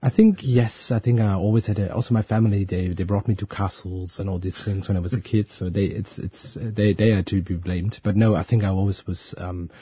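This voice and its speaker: A man in his forties from Eastern Germany with a German accent, a panel guest speaking in a hesitant, halting way. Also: sits low, fairly even intonation, husky, no room sound, highs cut off. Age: 40s.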